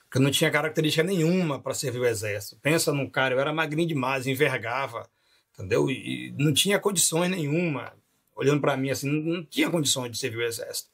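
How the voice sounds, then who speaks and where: A man recounts his life story as a pastor on a podcast. His voice is gravelly and husky, lively in its storytelling and broken up by chuckles. He speaks in an easy, conversational way. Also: medium pitch, fast talker. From Rio de Janeiro. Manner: animated storyteller, laughs often.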